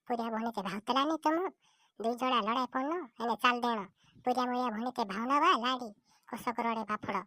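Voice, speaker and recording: A woman voices a bickering villager in a cartoon comedy, her high voice dry-sounding, bright, and pushed as she talks fast, scolding, arguing, and repeating the same phrases over and over. The recording itself is dry.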